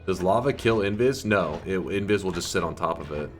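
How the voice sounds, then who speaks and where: A man streaming live gameplay on a headset mic, thinking out loud and swearing casually. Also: deep voice, fairly quick, soft background music.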